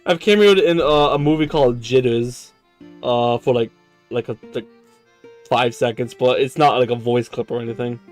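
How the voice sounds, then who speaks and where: A young man streaming a dating game, excitable, laughing often and repeating words as he stammers. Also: mid-range voice, moderate pace, faint music behind. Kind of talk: reading a dating sim aloud on stream.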